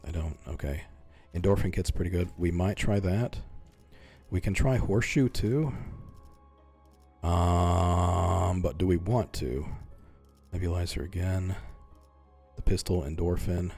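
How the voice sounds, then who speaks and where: A gaming YouTuber with a deep voice gives casual gameplay commentary in what he calls a monotone, relaxed and mumbling as he leans back at his home streaming setup. The microphone is close, right in front of his mouth.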